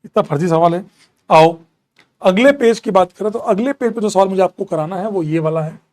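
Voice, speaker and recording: A man with a high voice teaches a live online chemistry class, counting atom numbers aloud and mixing English terms into his talk. He reads out student questions and answers them, teasing and jokingly scolding the class. His pitch sits well above most men's. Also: fairly quick, darkish tone.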